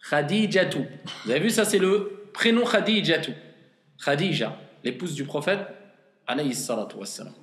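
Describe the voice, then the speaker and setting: A man teaching Arabic reading in a patient classroom way, slowly repeating syllables and gently correcting a student. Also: fairly high pitch, animated. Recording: echoey room with long reverb.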